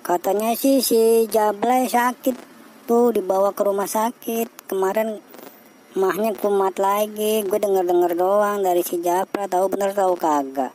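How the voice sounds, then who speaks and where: A woman's voice: medium pitch, a little mellow, slight background noise, rough recording. A woman voicing a cartoon group of friends in casual, teasing banter with a Jakarta Betawi accent. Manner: teasing, slangy street chat.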